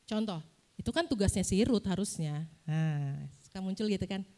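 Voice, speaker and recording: A young woman preaches a casual, lively sermon in a church, speaking at a moderate pace in a medium-pitched voice. She often puts questions to the congregation.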